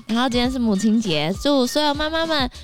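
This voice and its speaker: A woman's voice: high-pitched, lively intonation, brisk, faint music behind. A woman co-hosts a casual podcast. She tells chatty stories, giggles and acts out what people said. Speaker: podcast co-host and bus conductor.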